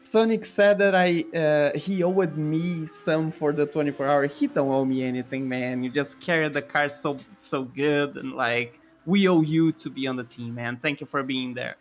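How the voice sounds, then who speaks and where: A man chatting as co-commentator on a sim race broadcast, casual and quick to laugh. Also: fairly high pitch, faint music behind. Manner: lively, laughs often. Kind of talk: casual banter.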